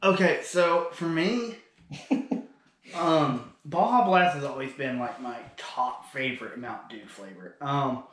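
A man's voice: medium pitch, takes it slowly, a bit bright, roomy sound, a little hiss or hum. A young man co-hosting a podcast, talking in a chatty, easygoing way and laughing often. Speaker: podcast co-host. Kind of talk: casual chat.

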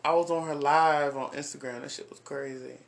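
A man in his twenties hosting a casual podcast, animated and hyped, full of slang and exclamations. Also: fairly high pitch, a little fast, creaky. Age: 20s. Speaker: podcast host.

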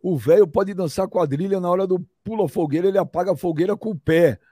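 A man hosting a casual panel show, excitable and hyping up the audience. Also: sits high, fast talker, no room sound, clean studio sound. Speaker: host.

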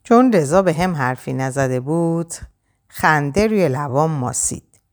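A woman narrating a novel in the first person, reading with expressive storytelling. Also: low voice. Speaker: audiobook narrator.

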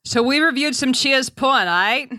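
A woman's voice: high voice, expressive, moderate pace, bright, forceful tone, no echo, studio quality. A woman from Massachusetts in her late thirties, co-hosting a casual podcast chat with bawdy, laughing banter. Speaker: podcast co-host.

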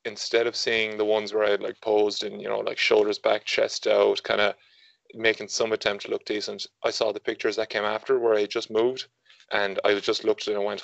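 Podcast guest: man, twenties, west of Ireland accent, lowish flat voice, hesitant informal chat, dry muffled recording. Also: vocal fry, no echo. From Galway, Ireland. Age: 20s. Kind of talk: casual interview chat.

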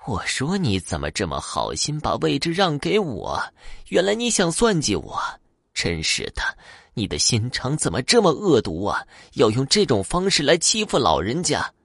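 A man voicing an old woman ghost on a night bus, swinging between shrill shouts and slow, low coaxing. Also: sing-song, gravelly, no echo, studio quality, full character voice. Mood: accusing.

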